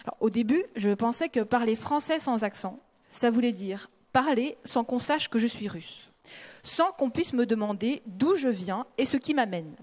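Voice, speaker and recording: A woman novelist reading a passage of her own book aloud in a lively, expressive way. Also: fairly high pitch, normal speed.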